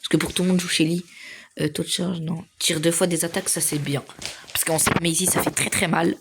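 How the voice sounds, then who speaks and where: A young man giving casual, slangy commentary over his own gameplay, excitable and laughing often. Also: on the high side, brisk, gravelly, heavy background noise. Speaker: gaming video creator.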